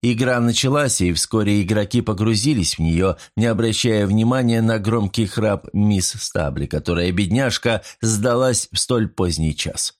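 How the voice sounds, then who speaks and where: Low-voiced man narrating a story. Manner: measured storytelling. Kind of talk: scripted narration.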